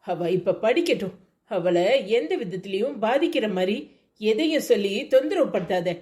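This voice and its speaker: A woman voicing a calm village woman in a cartoon who consoles and reasons with a friend in a Tirunelveli Tamil accent. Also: mid-range voice, moderate pace, lightly acted. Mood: consoling. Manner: soothing, reasoning.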